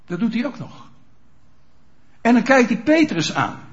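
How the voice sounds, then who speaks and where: A man's voice: extremely high pitch, big pitch swings, a little slow. A man preaching a sermon in a conversational way, often checking whether listeners are following, in a dull lo-fi recording. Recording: dull lo-fi sound.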